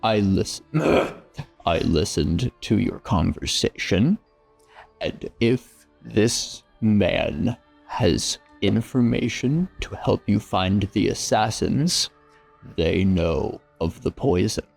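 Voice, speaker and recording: A man voicing a sassy, grudging shadow patron spirit with a low gravelly voice and a deliberate, condescending delivery. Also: faint music behind, heavily acted. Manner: slow, deliberate, deadpan condescension.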